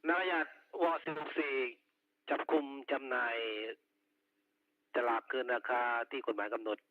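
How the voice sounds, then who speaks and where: A man's voice: medium pitch, unhurried, no room sound. A man giving a short procedural police report over a walkie-talkie as a station radio operator. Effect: two-way radio. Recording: dry, very narrow walkie-talkie sound.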